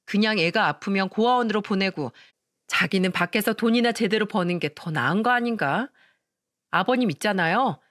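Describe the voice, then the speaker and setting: A woman's voice: medium pitch, moderate pace, fairly bright tone, dry recording, studio quality, lightly acted. A woman voicing an arrogant, selfish young sister-in-law who talks with scorn and whining complaint. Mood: scornful whining.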